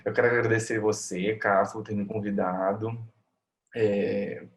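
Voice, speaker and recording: A man's voice: on the low side, flat delivery, unhurried. A Brazilian man, a family doctor, answering interview questions in a reflective, conversational way, often ending thoughts with tag questions. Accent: Brazilian Portuguese.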